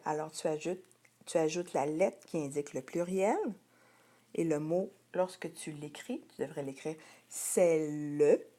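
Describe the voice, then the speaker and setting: A woman teacher with a Québécois French accent giving a slow spelling dictation to young children, patient and over-articulated, lingering on each word. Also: lowish voice, mellow.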